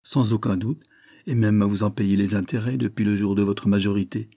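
A man voicing a precise, resentful older lawyer giving a measured legal opinion in an audiobook. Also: fairly low pitch, steady tone, warm tone, dry recording, studio quality.

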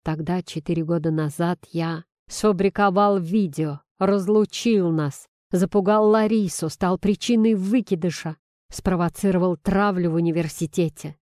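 Lady doing an angry young guy, bitter and tense, low warm voice. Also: moderate pace, dry recording, clean studio sound, natural voice. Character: angry young man confronting his father.

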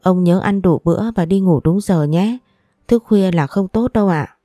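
A woman voicing a gentle, affectionate little boy in a storybook reading. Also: on the low side, normal speed, dry recording, close to an everyday voice. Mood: sweet, curious.

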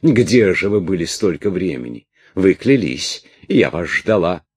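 A man reading aloud and voicing a furious, ill young captive princess with shrill, scornful outbursts. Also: big pitch swings, a little slow, slightly rough, dry recording, exaggerated voice. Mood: shocked, bitter.

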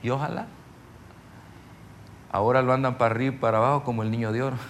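Man, middle-aged pastor, gravelly voice, folksy sermon teaching, keeps asking the room if they follow, faint noise behind. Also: mid-range voice, fairly even intonation, fast talker. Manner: folksy, anecdotal, keeps checking in with listeners. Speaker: pastor teaching a ministry seminar.

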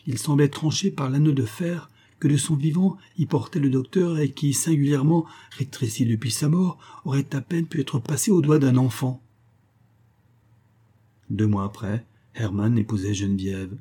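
A man reading a nineteenth-century story aloud as literary narration, in a measured storytelling manner. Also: mid-range voice, mellow, breathy edge. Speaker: audiobook reader.

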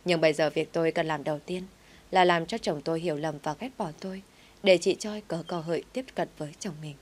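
A woman narrating a first-person story in a steady storytelling manner. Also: deep voice, fairly quick.

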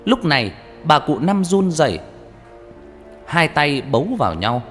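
A man narrating a horror story in an expressive, dramatic audiobook style, with reverb and background music. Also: a little high, unhurried.

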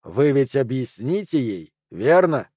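Scared guy begging at gunpoint, strained and loud, dry sound, man reading. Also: mid-range voice, very animated, slow pace, husky, no echo, full character voice. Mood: tense. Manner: tense, pleading. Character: nervous man pleading at gunpoint.

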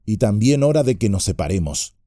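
A man doing a wary young hobbit who grumbles under his breath in a storybook reading. The voice is low and dark, close to the narrator's own. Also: sing-song, a little fast, dry recording. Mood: grumbling. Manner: muttering, grumbling.

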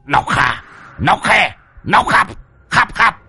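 A man's voice: high-pitched, sing-song, takes it slowly, creaky, sharp tone, breathy edge, soft background music, voice pushed up, heavily acted. A man voicing a tipsy old male exorcist who blusters and stammers. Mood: chanting.

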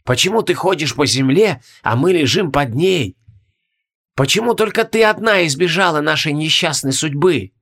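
A man voicing the ghosts of a dead king and queen, speaking in a hushed, reproachful whisper. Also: a little high, lively intonation, normal speed. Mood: accusing. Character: eerie whispering ghosts of dead royal parents, accusing.

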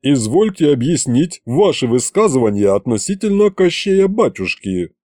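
A man's voice: sing-song, moderate pace, mellow, no room sound, studio quality. A man doing a pompous, formal creature. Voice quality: lower, formal, stilted speech. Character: stiff, pompous male office creature, formal and loyal.

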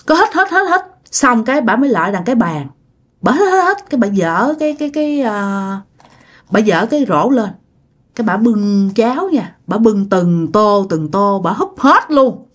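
A woman's voice: mid-range voice, expressive, moderate pace. A woman telling a ghost story in a chatty, casual way, speaking straight to her listeners. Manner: chatty, addresses listeners directly.

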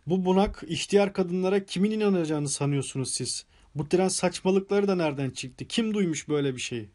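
A man voicing a contemptuous middle-aged doctor who shouts his denials in an audiobook. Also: high voice, fairly quick, pitched above the performer's own voice, lightly acted. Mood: furious. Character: cruel, furious middle-aged male doctor.

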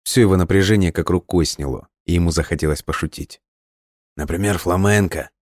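A man narrating an audiobook in a steady storytelling read. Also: sits low, fast talker.

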